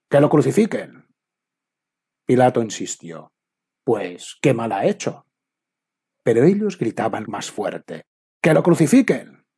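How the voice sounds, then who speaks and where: A man giving an expressive liturgical Bible reading, acting out the quoted voices. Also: mid-range voice, slightly rough. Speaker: scripture reader.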